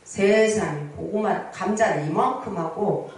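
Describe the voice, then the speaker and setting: A woman in her sixties preaches a sermon as pastor in a mid-range, unhurried voice, telling stories and often putting rhetorical questions to the congregation. She is in a large prayer hall, and the echoey recording catches her from some distance off the mic.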